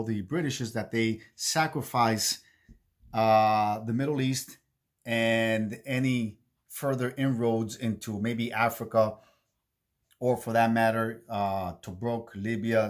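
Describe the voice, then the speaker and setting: A man hosting a board-game series, giving a casual recap in a halting way, repeating himself and checking in with "okay". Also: mid-range voice, a little mellow. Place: indoor home game room he calls the bunker.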